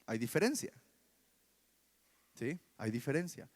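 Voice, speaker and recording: A man with a Mexican Spanish accent preaching a sermon in church, animated and full of rhetorical questions. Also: medium pitch, measured pace.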